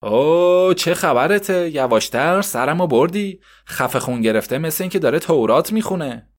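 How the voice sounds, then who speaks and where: A man voicing a short-tempered, sharp-tongued mother who nags and curses at her son. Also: a little high, close to an everyday voice. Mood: irritated. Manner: cursing, nagging, sharp-tongued. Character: scolding, short-tempered poor woman, mother.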